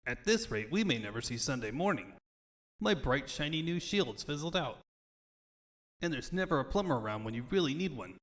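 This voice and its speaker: A man's voice: a little high, sing-song, moderate pace, a bit bright, no echo. A man voicing a cocky young male hedgehog hero with quippy, breezy banter in a comic book fandub. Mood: wry.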